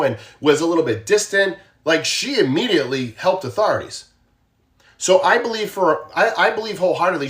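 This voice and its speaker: A man's voice: a little high, a bit bright. A man with a Boston accent, a former police officer, talking casually to viewers on a livestream and often asking them questions. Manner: conversational, asks viewers questions, repeats himself. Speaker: true crime live streamer, former law enforcement.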